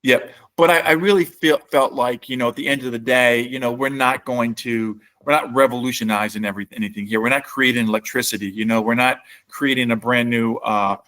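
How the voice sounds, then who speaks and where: A middle-aged man, speaking in an easygoing, unhurried way. He tells stories in a casual podcast interview and often stops to restart a thought. His pitch sits in an ordinary middle range. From New Orleans, Louisiana. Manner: relaxed storyteller, many fillers and restarts. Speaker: company CEO and guest.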